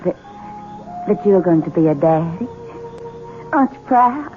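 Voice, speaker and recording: An actress playing a coquettish, scheming young bride from the American South, cooing and teasing in 1970s radio drama style. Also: female voice, fairly low pitch, very animated, measured pace, soft background music. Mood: coy. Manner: cooing, teasing, honeyed endearments. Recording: muffled phone-like vintage radio broadcast.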